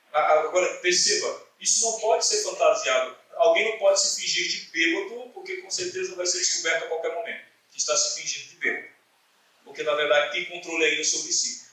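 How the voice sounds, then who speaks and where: A man's voice: sits high, bright, forceful tone, far from the mic. A Brazilian Portuguese-speaking man preaching a sermon as pastor, telling a story and acting out the dialogue in it. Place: church. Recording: echoey church hall, voice from off-mic.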